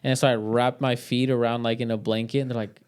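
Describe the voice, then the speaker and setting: A man's voice: mid-range voice, flat delivery, brisk, darkish tone, smooth. A young man telling a story in casual podcast chat, rambling and swearing with many fillers.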